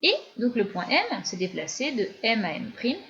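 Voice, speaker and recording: A woman physics teacher with a French accent giving a recorded lecture while writing at the board, often pausing and restarting her sentences. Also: a little high, very animated, a bit bright. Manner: explanatory, with frequent hesitations and restarts. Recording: dull lo-fi lecture recording with faint hiss.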